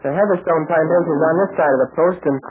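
An actor playing an eager, earnest boyish adventurer sidekick in an old radio serial, on a vintage recording. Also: male voice, on the high side, quick pace, close to an everyday voice. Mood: eager, wary. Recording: tinny narrow-band old radio recording, noisy.

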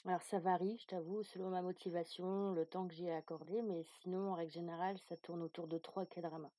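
A woman podcast guest with a fairly low, mellow voice, answering quickly and frankly in a relaxed tone. The sound is dry and close, with no room echo. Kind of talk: casual interview answers.

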